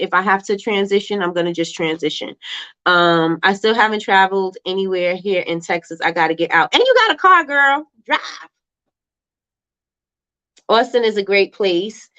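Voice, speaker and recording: A woman with a Brooklyn accent chats informally on a livestream, at a medium pitch. She reads and answers comments in a loose, slangy way. The audio is slightly dull and lo-fi. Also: a bit bright, smooth. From Brooklyn, New York. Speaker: livestream host. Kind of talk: casual livestream chat, reading and answering viewer comments.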